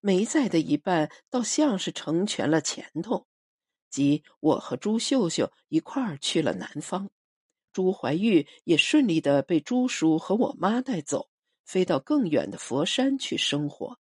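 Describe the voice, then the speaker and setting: A woman reads a novel aloud in a measured, expressive storytelling manner. Her low, husky voice rises and falls with lively shifts of pitch, recorded dry and close. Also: no room sound. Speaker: narrator. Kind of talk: audiobook novel narration.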